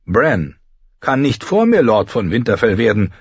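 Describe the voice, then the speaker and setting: A man's voice: mid-range voice, very animated, measured pace, husky, no echo, highs cut off, full character voice. A man doing a grim, stubborn young lord. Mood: grim, firm. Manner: firm, grim.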